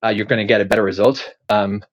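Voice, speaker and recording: Speaking quickly and flatly in a lowish voice, an Irish man hosting a podcast rambles through a question he's posing. It's a casual monologue heavy with ums, fillers, and restarts, captured in a rough recording with no room sound.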